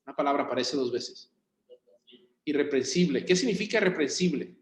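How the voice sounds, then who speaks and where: A man's voice: on the high side, lively intonation, fairly quick. A man, a pastor leading a Bible study in a church room, talking conversationally and putting questions to his group. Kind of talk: interactive Bible study teaching. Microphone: room recording for a video call. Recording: roomy echo.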